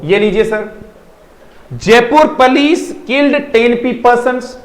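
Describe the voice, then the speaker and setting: A man's voice: very high voice, slow pace, echoey room, a little hiss or hum, low-quality recording. A man teaching an online English class, speaking emphatically, repeating words to drill pronunciation, and checking in with students as he goes. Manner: addresses students fondly and asks checking questions.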